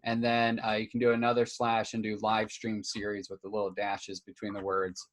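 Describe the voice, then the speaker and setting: Young guy hosting a live stream over a video call, says uh a lot, laid back. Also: lowish voice. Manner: casual, lots of uh fillers. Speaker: host.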